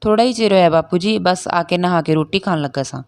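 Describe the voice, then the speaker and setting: A woman's voice: lowish voice, fast talker, darkish tone, smooth, natural voice. A woman reading as an earnest young son. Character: young village man, earnest dutiful son.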